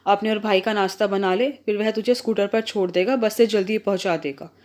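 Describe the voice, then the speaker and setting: A woman's voice: mid-range voice, fairly even intonation, brisk, a little mellow, natural voice. A woman doing a stern, scolding middle-aged mother. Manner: firm, scolding.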